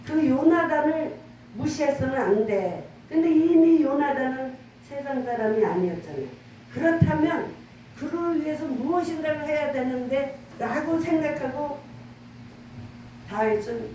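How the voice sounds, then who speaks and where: Middle-aged woman pastor, high voice, earnest and chatty delivery, recorded far off in a very echoey church room. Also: dark tone, highs cut off, a little hiss or hum. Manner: earnest, conversational preaching with frequent call-and-response. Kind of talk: sermon.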